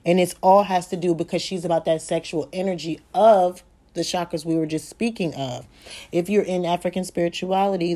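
Fast-talking woman podcaster, low voice. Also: mellow. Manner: fast, rambling, profane and self-correcting. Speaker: podcast host. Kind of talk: solo spiritual podcast monologue. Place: home at night, child asleep nearby.

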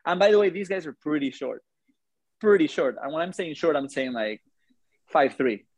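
Animated man telling a story, dry sound. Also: a little high, normal speed, no echo. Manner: animated, conversational, asks the audience questions. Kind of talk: live storytelling to an audience.

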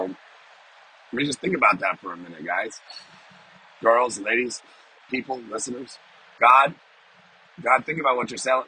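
A man with a smoker's voice giving an informal, off-the-cuff devotional, speaking haltingly and repeating phrases for emphasis inside a car. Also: mid-range voice, sharp tone, a little hiss or hum, rough recording. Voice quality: smoker's voice with occasional cough. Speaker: podcast host giving a devotional. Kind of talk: informal off-the-cuff sermon and prayer. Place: inside a parked small car.

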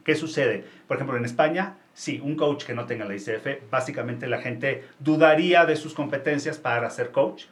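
A man with a Mexican Spanish accent speaks as an executive coach in a relaxed interview. He explains things step by step, restarting his phrases and checking in with short tag questions. His voice sits at an ordinary middle pitch for a man. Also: moderate pace, few pauses. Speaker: executive coach, company founder. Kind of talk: casual interview talk.

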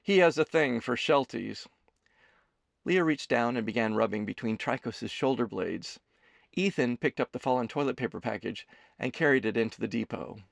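A man narrating an audiobook in an expressive storytelling manner. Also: mid-range voice, brisk, gravelly, dry recording, clean studio sound. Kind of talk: scripted narration.

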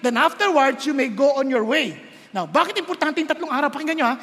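A pastor delivers a sermon, animated and emphatic, sometimes breaking into shouts and slowing down for scripture. His voice sits very high and sounds bright and forceful. A long reverb trails each phrase, as in a large hall. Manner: animated, rising to shouts, slows when reading scripture.

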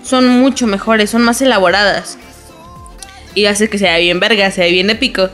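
A woman's voice: medium pitch, fairly even intonation, moderate pace, fairly bright tone, soft background music. A young woman with a Mexican Spanish accent, retelling a series plot in casual, crude slang. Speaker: co-host recapping a series.

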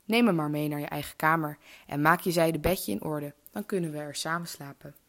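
A woman's voice: deep voice, fairly quick. A woman voicing a fat, pushy male frog in a fairy tale, calling out insistently in a raised voice. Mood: demanding.

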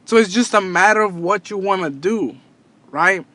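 In a high, sharp voice at a moderate pace, a thirty-year-old entrepreneur and podcaster gives his listeners a relaxed motivational monologue. He's sincere but keeps repeating himself and starting sentences over.

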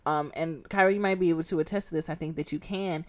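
A woman's voice: low-pitched, steady tone, fast talker. Blunt, swearing woman in casual chat. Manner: frank and blunt, casual swearing, laughs easily. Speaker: podcast co-host.

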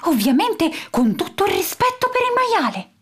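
A woman voicing a proud, cheeky male seagull captain with a croaky, squawking voice. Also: extremely high pitch, very animated, normal speed, a bit bright, voice pushed up, full character voice. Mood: whispering.

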